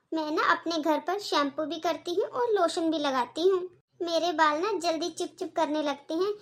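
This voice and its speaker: A woman's voice: very high voice, a bit bright. A woman voicing an outspoken young girl in a cartoon, pleading earnestly with her family. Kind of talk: cartoon voice acting.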